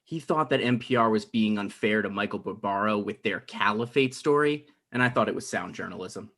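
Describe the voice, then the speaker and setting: This actor plays a resentful, anxious thirty-something in a comedy table read with a naturalistic feel, his lines coming out halting and defensive. The voice sits lowish with a fairly bright tone, and he sounds irritated.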